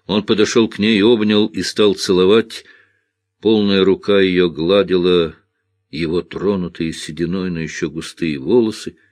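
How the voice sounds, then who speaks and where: Deep-voiced male audiobook narrator. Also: fairly even intonation, measured pace, a little mellow, no room sound, clean studio sound. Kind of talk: scripted narration.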